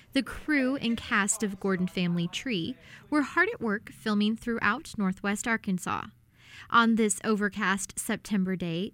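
A woman's voice: medium pitch, a bit bright, dry recording. Woman narrating a scripted radio feature. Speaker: radio reporter.

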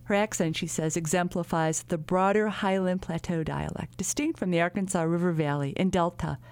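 A woman reporter reading scripted narration in a measured way, lifting her pitch on questions. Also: fairly even intonation, a little mellow, clear, resonant tone, no room sound. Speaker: radio reporter.

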